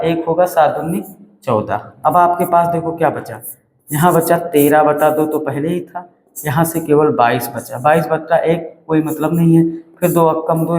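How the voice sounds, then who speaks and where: A man's voice: a little high, darkish tone, a little hiss or hum. A man teaching a maths lesson, who keeps asking questions and answering them himself and repeats the numbers. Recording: echoey room with long reverb.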